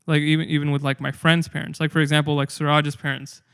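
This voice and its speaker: A man's voice: on the high side, level tone, quick pace, a bit bright, clean tone. A young man talking earnestly and reflectively in a casual discussion, with frequent fillers and restarts.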